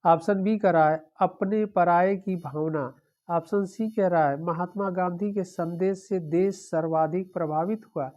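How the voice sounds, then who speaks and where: A woman's voice: on the low side, steady tone, measured pace, mellow. A woman teaching an exam-prep lesson, going through the answer options one by one and repeating them, with a frequent "okay".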